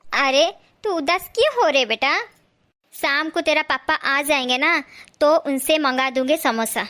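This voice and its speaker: एक महिला द्वारा निभाई गई कोमल माँ, जो ऊँची आवाज़ में बच्चों को प्यार से समझाती है।. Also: female voice, sits high, a little slow. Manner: soothing, gentle. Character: soothing mother. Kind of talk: comedy skit acting.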